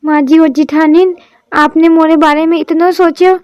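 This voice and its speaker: A woman voicing a timid, grateful young widowed daughter-in-law in a cartoon drama, with a soft, meek manner. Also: very high-pitched, flat delivery, moderate pace, no echo, highs cut off. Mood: overjoyed.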